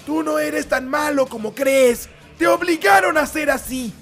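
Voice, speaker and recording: A man's voice: very high-pitched, measured pace, a bit bright, soft background music, pitched above the performer's own voice. A man voicing an earnest heroic young Tyrannosaurus, emphatic and imploring, in a dramatic toy-dinosaur story.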